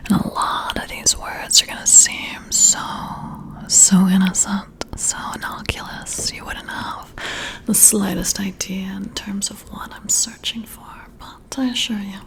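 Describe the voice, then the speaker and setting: In a breathy, whispered ASMR roleplay, a woman plays a flirty, self-assured female boss. Her mid-range voice has a fairly bright tone, and she teases coyly, drawing her phrases out deliberately.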